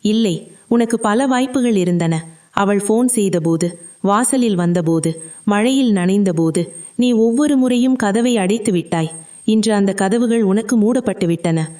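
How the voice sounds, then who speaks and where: A woman reading as a stern husband who has been betrayed, harsh and accusing toward his wife. The voice is mellow and warm. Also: medium pitch, a little slow, close to an everyday voice. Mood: grim.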